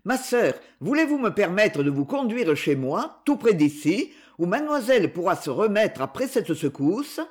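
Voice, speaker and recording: A woman's voice: mid-range voice, very animated, normal speed, hardly any pauses, darkish tone, lightly acted. A woman voicing a charming young male count, courteous yet imperious, in an audiobook.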